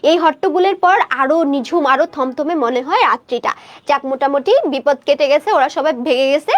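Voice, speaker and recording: A woman teacher with a high voice, explaining a story to students. She talks conversationally and poses questions before answering them herself. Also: moderate pace. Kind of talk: explaining a short story in a class lecture.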